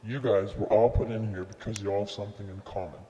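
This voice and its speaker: A man voicing a mocking tape recorder villain with slow, theatrical menace in an amateur horror parody. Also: on the low side, steady tone, warm tone, highs cut off, lightly acted. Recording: long hall reverb, faint noise.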